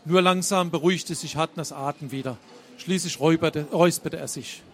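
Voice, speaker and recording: A man reading and retelling a thriller, halting with many fillers and self-corrections. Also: a little high. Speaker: storyteller.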